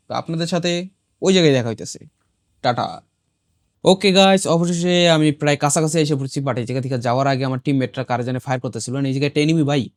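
A man, hoarse from a cold, chatting casually to viewers while he plays and throws in English exclamations. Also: fairly high pitch, darkish tone, no room sound, clean studio sound. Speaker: gaming channel host. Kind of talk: casual gameplay commentary.

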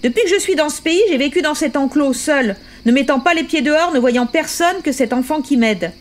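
Audiobook role: a fierce dying old revolutionary man, read by a woman, accusing and impassioned, with a fairly high voice. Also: a little fast, lightly acted.

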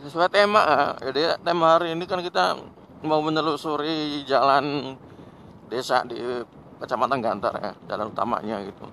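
A slightly high-pitched man from Indonesia hosts a motorcycle vlog, offering easygoing commentary while riding outdoors on rural roads. He speaks at normal speed with frequent pauses, laughs a lot, and treats viewers like friends, over slight background noise.

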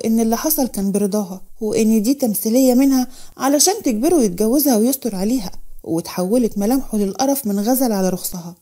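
A woman with an Egyptian accent narrating a dramatic story in a brisk way. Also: a little high, mellow.

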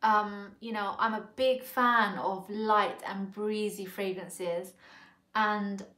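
Her medium-pitched voice is fairly bright with fairly even intonation as this Thai woman in her forties takes her time with a casual perfume review. She muses, restarts and uses lots of fillers, sitting on a sofa in her living room. The close camera in front catches an echoey room.

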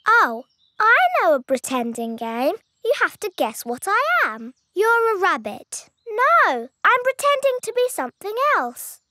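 A chirpy little rabbit girl, squeaky, unhurried. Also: big pitch swings, sharp tone, no room sound, clean studio sound, full character voice. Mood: playful. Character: young girl rabbit, chatty and playful.

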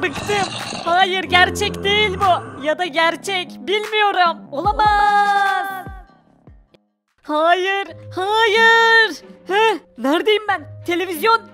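A performer voicing a frightened, whiny young boy hero in an amateur cartoon parody, exclamatory and pleading, repeating words. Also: very high-pitched.

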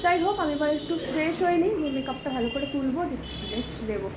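A woman's voice: high-pitched, expressive, quick pace, noisy background. A young woman, chatting casually in a vlog as she gets ready and does her makeup, sounding tired. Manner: chatty, talks while doing her makeup. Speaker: vlogger. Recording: music playing underneath.

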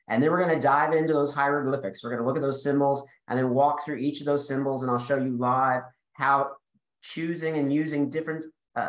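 A man's voice: mid-range voice, roomy sound, poor audio. A male developer presenting on a video call, eager and explanatory, occasionally correcting himself. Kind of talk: technical webinar presentation.

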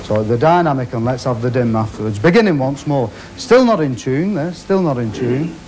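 Band conductor giving directions. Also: male voice, mid-range voice, expressive, noisy background. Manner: brisk, directive. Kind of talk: rehearsal instructions.

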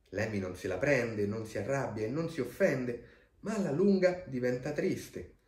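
Guy reading a kids' picture book out loud, voice swinging all over the place, gentle and expressive, kinda echoey room. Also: mid-range voice. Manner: expressive, gentle storytelling with pauses for a child. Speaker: storybook reader.

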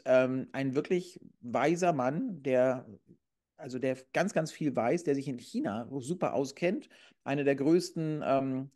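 A man's voice: mid-range voice, a little mellow. A middle-aged man co-hosting a casual comedic chat over a video call from home, blunt and crude as he tells stories. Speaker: co-host. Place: room at home, indoors. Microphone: video call webcam.

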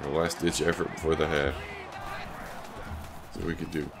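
A man's voice: extremely low pitch, normal speed, vocal fry. Man with a scratchy sick voice. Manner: laid-back, reacts to plays, brief excited outbursts. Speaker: gaming YouTuber. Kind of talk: casual gameplay commentary.

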